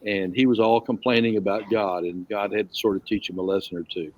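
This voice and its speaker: A man's voice: lowish voice, steady tone, a little fast, dry recording, dull audio. A man teaching a casual Bible study group, rambling a little and asking the group questions.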